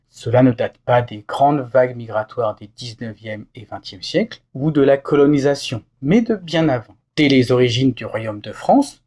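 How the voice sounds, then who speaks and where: A man delivers a scripted French lesson, carefully explaining words and reading example sentences. His voice is a little husky. His pitch rises and falls with lively movement. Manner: clear, didactic explanation with example phrases. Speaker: French teacher.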